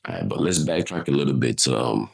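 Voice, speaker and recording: Very deep, gravelly young man from Nigeria. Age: young adult. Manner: animated, blunt, quick to agree. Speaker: podcast host. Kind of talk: casual interview chat.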